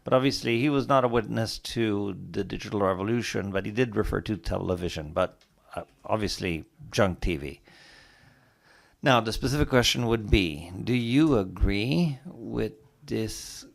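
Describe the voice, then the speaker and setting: A man's voice: lowish voice, moderate pace, creaky. A young man from Peru, asking an earnest, academic question from the floor into a handheld microphone. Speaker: audience member asking a question.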